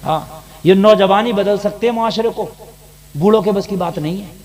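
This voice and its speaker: A male Islamic preacher, delivering a fiery sermon to a crowd, swinging from soft asides to shouted appeals. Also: high-pitched, normal speed.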